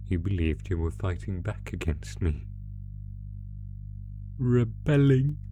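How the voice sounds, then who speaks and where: Smugly taunting his captive prey, a sadistic monster is played by a deep-voiced man in an ASMR horror audio roleplay, his menace theatrical and drawn out.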